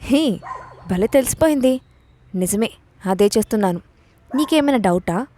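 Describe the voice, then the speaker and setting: A woman's voice: on the high side, lively intonation, normal speed, warm tone. A woman reading the part of a domineering young man who mocks and threatens in curt warnings. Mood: sarcastic.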